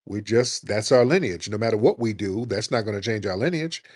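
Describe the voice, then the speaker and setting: A man's voice: lowish voice, animated, brisk, a little mellow, no echo, clean studio sound. A man hosting a casual audio chat room, making his point insistently with rhetorical questions. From United States.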